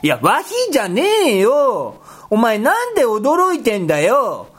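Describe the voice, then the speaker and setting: A woman voicing a bossy, exasperated rabbit character who talks in rough boyish speech and scolds his partner in a comedy skit. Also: a little high, huge pitch swings, a little slow, full character voice. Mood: scolding, exasperated. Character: gruff bossy rabbit guy, exasperated straight man.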